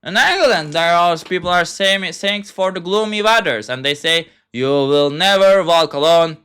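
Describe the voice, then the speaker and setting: A man's voice: a little high, normal speed, fairly bright tone, clear, resonant tone. A young man with a Turkish accent in a heated, profane monologue, speaking in broken English. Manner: heated, profane, ungrammatical rant. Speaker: self-styled philosopher. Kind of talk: ranting monologue.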